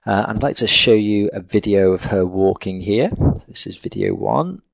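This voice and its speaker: Man, low voice, gravelly, slide lecture, technical and measured, lots of fillers, dull dry recording. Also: sing-song, no room sound. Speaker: veterinary lecturer.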